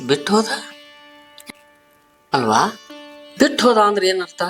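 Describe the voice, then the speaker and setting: A man plays a poor, caring older brother in a village family drama. His North Karnataka Kannada accent is rustic, and he asks his questions in an earnest, pleading way. His voice sits fairly high for a man, with soft music under it. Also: very animated, moderate pace. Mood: anxious. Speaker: actor in a short film.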